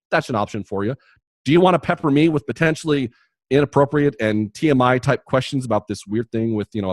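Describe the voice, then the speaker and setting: Male podcast host, animated delivery, joking and rambling, dry close sound. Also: medium pitch, no echo. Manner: jokey, rambling, many restarts. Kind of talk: casual podcast chat and promo read.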